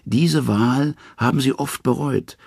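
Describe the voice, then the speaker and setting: A man's voice: medium pitch, slow, gravelly, a little mellow, slightly rough, no echo, studio quality, voice pushed up, full character voice. A man doing a wise, severed talking head. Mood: grave.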